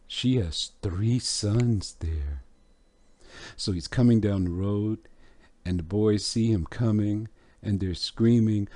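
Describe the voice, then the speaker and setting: A man's voice: lowish voice, mellow, no room sound. A man teaching scripture, who tells the story vividly and acts out its scenes. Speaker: Bible teacher. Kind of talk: storytelling sermon.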